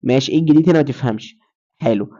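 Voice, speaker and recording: A man's voice: mid-range voice, very fast, dark tone, dull audio. A man with an Egyptian Arabic accent giving a recorded lecture, who asks his students questions and then answers them himself.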